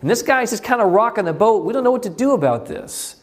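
A man preaching an evening sermon, swinging between high exclaims and hushed low lines. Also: sing-song, quick pace.

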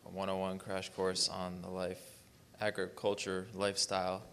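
A man introducing himself on a panel as a farm apprentice, speaking in a rambling way with animated bursts. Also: low voice, moderate pace, clear, resonant tone.

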